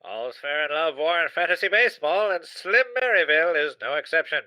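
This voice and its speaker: A man's voice: fairly high pitch, animated, a little fast, sharp tone, clear, resonant tone, no echo. A man playing a folksy 1920s radio host on a comedic parody, with a hokey announcer cadence. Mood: jovial.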